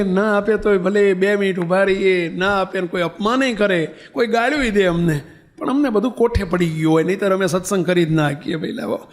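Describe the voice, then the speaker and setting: A monk preaching with a high-pitched voice, telling a story in sermon style. He often circles back and repeats his phrases as he narrates.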